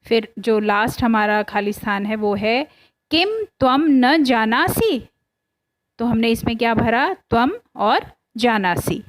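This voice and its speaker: A woman teacher explaining a lesson, reading words out slowly and carefully. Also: fairly high pitch. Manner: slow, careful, reads words aloud one by one.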